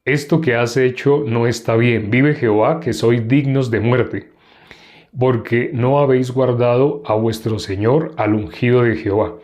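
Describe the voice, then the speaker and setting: A man reading David, slow and earnest. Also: mid-range voice, a little mellow, lightly acted. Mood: earnest pleading.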